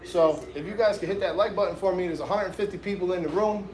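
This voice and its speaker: Guy barber doing a live tutorial, slangy casual talk to chat, voice a bit on the high side. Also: fast talker, a little mellow, roomy sound. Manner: informal, slangy, addresses viewers directly. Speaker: barber and livestream host giving a haircut tutorial.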